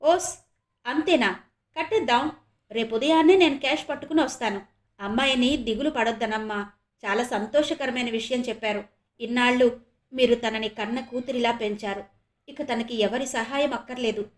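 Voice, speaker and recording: A woman voicing a kind, wealthy middle-aged adoptive father who talks eagerly and warmly in a read-aloud audio novel. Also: very high voice, normal speed, roomy sound. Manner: eager, warm, generous.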